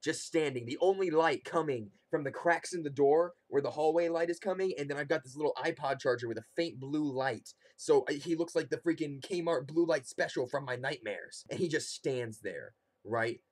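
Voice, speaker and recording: A man's voice: on the high side, normal speed. A young man casually telling a humorous personal story, animatedly acting out his reactions. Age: young adult. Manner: animated, acts out quotes and reactions. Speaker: comedic storyteller.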